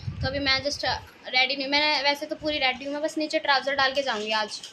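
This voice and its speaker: A woman's voice: high-pitched, steady tone, fairly quick, pushed and bright, a little hiss or hum. A young woman vlogging at her family home, chatting casually, teasing and laughing often. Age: young adult.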